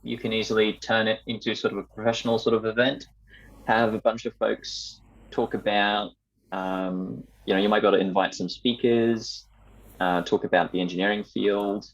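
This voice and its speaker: A man's voice: on the low side, little pitch movement, normal speed. A young man talking casually in a student society meeting over an online call with dull, lo-fi sound. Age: young adult.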